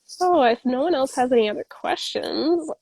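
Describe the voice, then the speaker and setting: Author guest, female, under the weather, chatty and self-deprecating, fairly high voice. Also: lively intonation, normal speed, gravelly, darkish tone, no echo, poor audio. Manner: rambling, many fillers, self-deprecating. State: sick voice. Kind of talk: casual live-stream interview.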